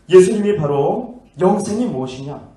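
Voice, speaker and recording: A man's voice: high voice, warm tone. A man preaching a sermon who tells a story and keeps asking and answering his own questions. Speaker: pastor. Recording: echoey hall, mic at a distance.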